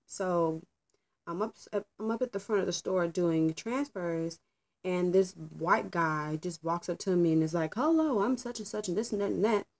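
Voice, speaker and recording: A woman's voice: fairly low pitch, darkish tone, poor audio. A young adult woman casually telling a story about work while getting ready at home, candid and chatty with frequent ums. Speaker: vlogger. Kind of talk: casual storytime while doing her hair.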